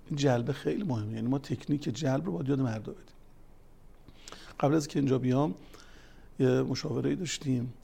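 A man who is a family counselor and religious speaker delivers a talk mixing counseling stories and scripture, building in emphasis. His mid-range voice is husky and dark with vocal fry, and he leaves long pauses.

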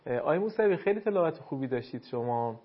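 A man's voice: fairly high pitch, expressive. Courteous male recitation teacher, lo-fi. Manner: formal, courteous and instructive. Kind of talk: on-air recitation feedback.

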